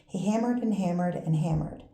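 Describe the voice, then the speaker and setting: Mellow older grandmother reading a storybook. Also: lowish voice, moderate pace. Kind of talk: reading a children's picture book aloud. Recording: roomy echo with faint background noise.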